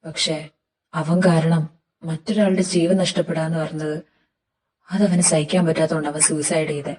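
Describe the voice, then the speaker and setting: A woman's voice: little pitch movement, normal speed, darkish tone, far from the mic, natural voice. A woman voicing a young man who grieves his friend and turns bitter and vengeful, in a fan audio drama. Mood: grim. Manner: bitter, low-spoken, vengeful.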